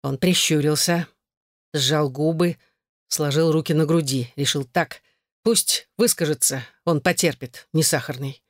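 A man's voice: fairly high pitch, fairly even intonation, measured pace, no echo, clean studio sound. A man giving scripted narration of a romance novel audiobook.

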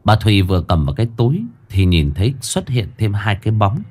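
A man narrating a ghost story in an expressive storytelling manner. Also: lowish voice, fast.

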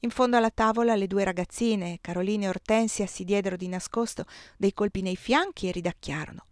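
A woman's voice: medium pitch, fairly quick, no echo, studio quality. Woman reading a novel aloud. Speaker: audiobook reader. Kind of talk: scripted narration of a novel.

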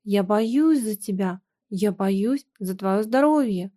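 A woman reading aloud, voicing a timid older husband who pleads softly and hesitantly. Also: mid-range voice, animated, takes it slowly. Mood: pleading.

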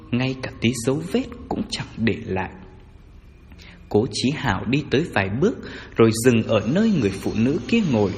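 A man narrating a story as scripted audiobook narration, in an expressive, dramatic manner. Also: medium pitch, big-room sound, a little hiss or hum.

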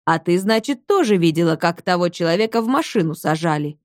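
Patient cop major, slow careful questions, dry close sound, woman reading him. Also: lowish voice, animated, no echo, natural voice. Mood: questioning. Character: patient, persistent middle-aged male police major.

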